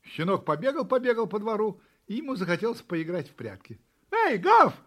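A man reading a children's story aloud with expressive, animated storytelling. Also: sits high, a little fast. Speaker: narrator.

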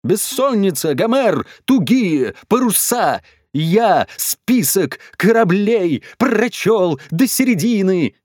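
A man's voice: a little high, wildly swooping pitch, measured pace, few pauses, dark tone, breathy edge, no room sound, clean studio sound, voice pushed up, heavily acted. A man voicing a wild, carefree bearded father in a children's story, grumpy and unbothered. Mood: declaiming.

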